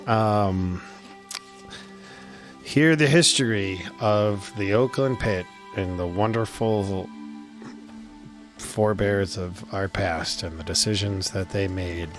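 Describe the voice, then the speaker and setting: A man's voice: on the low side, slow pace, long pauses, over music, pitched below the performer's own voice. A man voicing a bored, unenthusiastic male gift shop clerk reciting his lines in a tabletop game. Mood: bored, rote.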